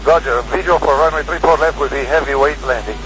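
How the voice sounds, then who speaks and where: A man's voice: on the high side, fast. A man, an airline captain speaking on a cockpit headset mic, giving terse, clipped callouts and radio calls. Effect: pilot on a cockpit headset mic. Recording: cockpit voice recorder with loud engine noise. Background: loud engine and cockpit noise.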